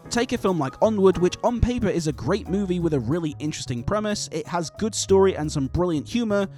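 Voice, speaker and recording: A man's voice: high voice, lively intonation, fairly quick, a little mellow, soft background music. A man reading a scripted video essay as its narrator.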